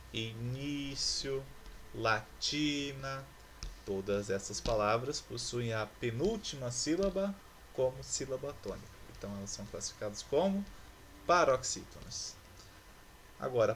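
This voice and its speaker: A male teacher talks through a grammar exercise in a patient, explanatory way. His voice sits at a middling pitch, and he slows down to stretch out each example word syllable by syllable. A faint hiss runs behind him. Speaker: school teacher. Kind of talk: recorded online class.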